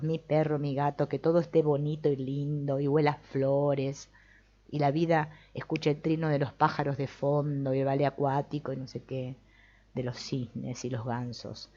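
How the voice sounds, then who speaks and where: A middle-aged woman with a Rioplatense Spanish accent giving an informal spiritual talk, animated and colloquial, acting out quoted voices for humor. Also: deep voice. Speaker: spiritual teacher. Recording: dull lo-fi recording.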